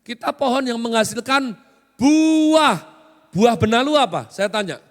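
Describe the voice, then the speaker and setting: Male pastor, high voice, joking conversational sermon with questions to the room, long hall echo. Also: animated, a little fast, fairly bright tone. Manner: joking, conversational, often quizzes the congregation. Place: large hotel hall used as church.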